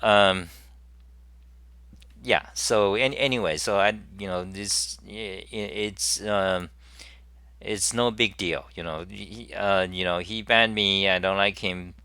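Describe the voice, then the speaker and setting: A man's voice: on the low side, takes it slowly, pushed and bright, clear, resonant tone, no echo. Rambling man hosting a casual stream. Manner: rambling with many fillers and restarts; reads viewer chat messages aloud. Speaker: talk show host. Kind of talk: casual live-stream chat.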